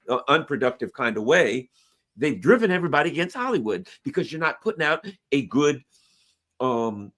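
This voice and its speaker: A man's voice: medium pitch, a bit bright. A man talking politics in an emphatic, sarcastic way, mocking the people he criticizes. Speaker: political commentator. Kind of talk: animated political discussion.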